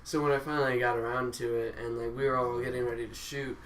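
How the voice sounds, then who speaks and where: A man's voice: medium pitch, little pitch movement, fast, a bit bright, recorded from a distance. A young man in casual chat, telling a rambling story full of fillers, as a podcast co-host among friends. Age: young adult. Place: room with friends. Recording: roomy echo, off-mic, faint hiss.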